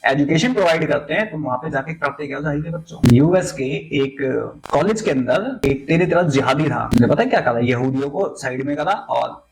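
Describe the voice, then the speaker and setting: A man's voice: fairly high pitch, expressive, a little fast, rough recording. A man giving angry reaction commentary, ranting and hurling insults at the people he addresses.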